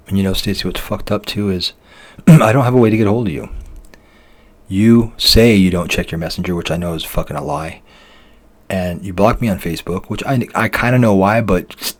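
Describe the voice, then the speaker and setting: A man's voice: sits low, breathy edge. A man leaving a bitter, accusatory voice message to his partner, ranting and swearing heavily. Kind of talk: angry recorded voice message.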